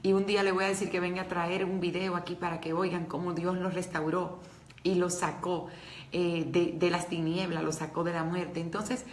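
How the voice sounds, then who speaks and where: A woman preaches a devotional talk, earnest and emotional as she speaks straight to her listeners. Her voice sits a little low. It rings in a roomy echo with faint noise behind. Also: flat delivery, moderate pace.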